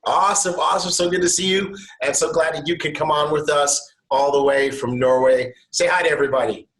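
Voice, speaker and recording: A man's voice: on the high side, fairly even intonation, brisk, fairly bright tone. A man hosting an online interview show, enthusiastic and upbeat, talking over a video call. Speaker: show host. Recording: echoey room.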